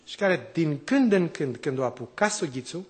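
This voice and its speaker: A man preaches a sermon in a notably high voice. He keeps putting rhetorical questions to the congregation, and his delivery swings between loud exclamations and quiet drops. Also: expressive. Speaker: priest.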